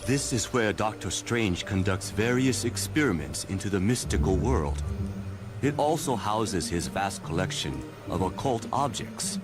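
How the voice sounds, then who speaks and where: An actor playing a polite, helpful pupil of a mystic in a video game, speaking formally and courteously. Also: male voice, fairly low pitch, lively intonation, unhurried, over music.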